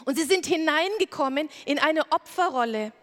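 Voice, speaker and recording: High-voiced woman preaching in a reverberant hall. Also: lively intonation, moderate pace, fairly bright tone. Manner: retells the story vividly, acting out the characters' lines. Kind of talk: sermon retelling a Bible story.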